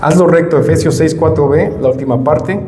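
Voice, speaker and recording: A man's voice: fairly high pitch, a little fast, dark tone, big-room sound, a little hiss or hum. A man preaching a sermon as pastor, stressing points by repeating words and acting out parents and children. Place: church hall.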